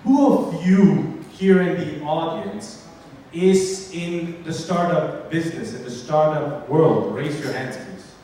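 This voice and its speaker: A man in his forties from Sicily with an Italian accent, giving a lively, interactive conference keynote and polling the audience. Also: a little high, takes it slowly. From Sicily, Italy. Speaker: keynote speaker. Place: large hall with an audience. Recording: echoey hall, distant mic, faint noise.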